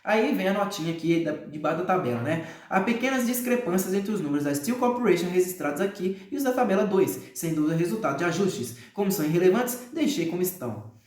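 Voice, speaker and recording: A Brazilian man with a rather high voice reads a nonfiction book aloud in a loose, unpolished way. He recites long strings of figures and keeps stopping for hesitant fillers and crude offhand remarks. The sound bounces around an echoey room. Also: expressive, fast, a little mellow. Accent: Brazilian Portuguese. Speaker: reader.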